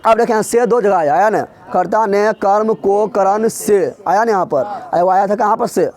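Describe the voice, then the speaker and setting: A man teaching a grammar revision lesson in a classroom, drilling his students with quick repeated questions. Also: sits high, darkish tone.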